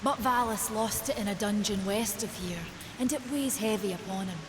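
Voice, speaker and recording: An actress playing a brisk, solemn female smith in a fantasy game, with a Scottish accent and a plain-spoken manner. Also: medium pitch, noisy background, close to an everyday voice. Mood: solemn, concerned. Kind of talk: dramatic fantasy game dialogue. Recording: very loud music behind.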